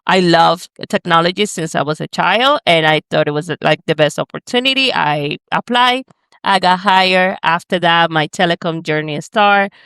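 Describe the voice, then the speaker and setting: A woman's voice: on the low side, normal speed, a bit bright, clear, resonant tone, dry recording. A woman from the Dominican Republic, a guest on a podcast, telling her career story in a casual, earnest way. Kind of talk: casual interview answers. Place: home in the Bronx, calling in.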